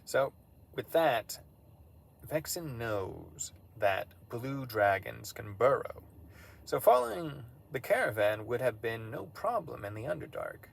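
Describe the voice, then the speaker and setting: A man casually recapping a tabletop game session, relaxed and conversational, with frequent fillers. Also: medium pitch, slow, vocal fry. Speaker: campaign recap narrator.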